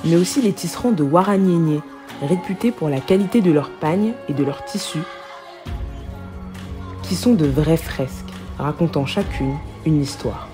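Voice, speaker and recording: Woman host, low voice, calm scripted voice-over, clear music underneath. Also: moderate pace. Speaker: vlog host and narrator.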